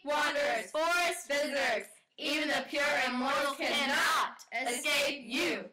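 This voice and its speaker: A woman declaims a dramatic choral ode in a high voice. It sounds distant and roomy. A crowd is heard behind her. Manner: declaiming loudly.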